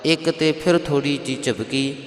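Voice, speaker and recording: A man teaching correct scripture pronunciation, chanting verses slowly and then explaining them in quick spoken asides. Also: a little high, reverberant, long reverb tail. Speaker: Sikh scripture recitation teacher.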